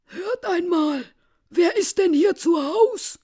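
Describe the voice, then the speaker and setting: A woman voicing a pair of brash, greedy male intruders in a recited ballad, speaking high and loud. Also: expressive, slow pace, exaggerated voice. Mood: questioning.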